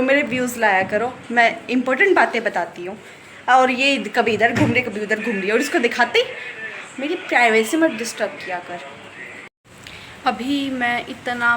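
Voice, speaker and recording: Young adult woman, vlogger, casual and chatty, a touch high-pitched, given to griping. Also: fairly bright tone, a little hiss or hum, rough recording. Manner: chatty, complaining rants. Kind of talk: casual day-in-my-life vlog.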